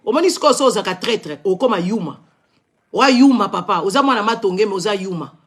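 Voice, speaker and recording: A man's voice: sits high, animated, a little fast, slightly rough. A man from Congo with a Congolese French accent, ranting angrily in a live stream, scolding and switching into Lingala. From Democratic Republic of the Congo. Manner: angry and confrontational, repeated scolding exclamations; switches between French and Lingala mid-sentence. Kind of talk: heated live-stream rant.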